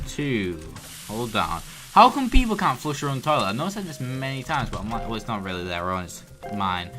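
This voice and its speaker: A low-pitched man talks in a rambling, somewhat monotone way, muttering counts to himself as he plays. Loud game music runs under his voice. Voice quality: tends toward monotone. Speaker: let's play host. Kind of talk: casual gameplay commentary. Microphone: desk microphone at full volume.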